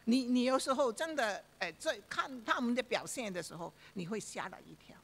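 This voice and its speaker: A woman's voice: on the high side, lively intonation, moderate pace, a bit bright. A woman preaching a sermon, telling a story with rhetorical questions to her listeners and frequent fillers. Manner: frequent fillers and repeated phrases.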